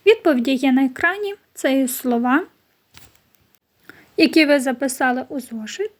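High-voiced woman teaching young children. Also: lively intonation. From Ukraine. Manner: slow, clear classroom instructions with questions to pupils. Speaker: primary school teacher. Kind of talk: recorded online lesson for children.

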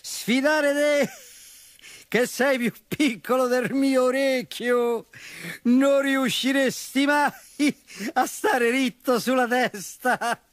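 A man voicing a boastful, lazy and dim-witted bull in a storybook, bragging loudly in rhymes. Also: extremely high pitch, steady tone, slow pace, dry recording, voice pushed up. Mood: scornful. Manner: loud bragging sing-song rhymes.

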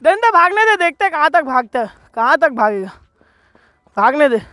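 A young man vlogging outdoors, yelling urgent commands during a chase on a rough road. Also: very high-pitched, big pitch swings, fairly quick, no echo. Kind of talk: excited outdoor confrontation vlog.

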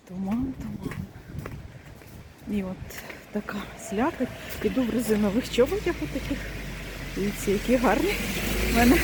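A woman vlogging outdoors in rain and wind, chatting directly to her viewers as she walks. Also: medium pitch. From Ukraine. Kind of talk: casual chat to viewers. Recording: loud outdoor wind noise.

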